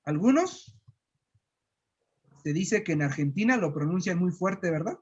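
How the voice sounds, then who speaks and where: Un profesor de Guatemala que enseña pronunciación con calma, repitiendo sílabas despacio. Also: medium pitch, slightly rough, lo-fi sound. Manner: patient, repeats syllables slowly. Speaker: language teacher. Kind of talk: slow pronunciation lesson.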